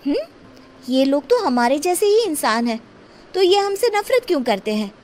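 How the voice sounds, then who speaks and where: A woman's voice: sits high, very animated, normal speed, a little mellow, a little hiss or hum. A woman voicing a naive, curious young kinnar with an earnest, pleading manner in a dramatized story. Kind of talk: dramatized Hindi story acting.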